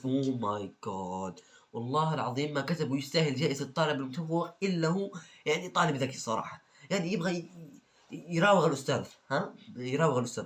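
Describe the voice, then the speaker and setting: A man's voice: a little high, a bit bright. A young man hosting a comedy video, reading out funny exam answers and reacting with joking, mock-exasperated remarks. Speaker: video host.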